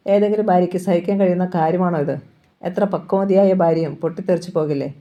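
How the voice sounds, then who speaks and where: A woman's voice: lowish voice, mellow. A woman with a Malayali accent reading a novel aloud, voicing every character's dialogue in her own voice.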